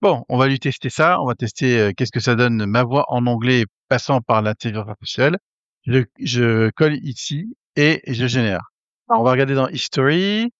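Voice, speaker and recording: A man hosting a casual tutorial, hesitant with many fillers and restarts, getting excited as he talks. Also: mid-range voice, moderate pace, no room sound, dull audio. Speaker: tech tutorial host. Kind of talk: casual screen-recorded tutorial.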